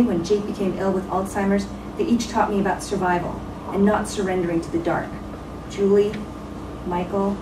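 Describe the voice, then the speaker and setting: A woman reading a written tribute aloud in a solemn, measured way, with deliberate pauses between phrases. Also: mid-range voice. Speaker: speaker at a memorial, giving a tribute. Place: reading aloud in a roomy venue. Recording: roomy echo, distant mic, clear background noise.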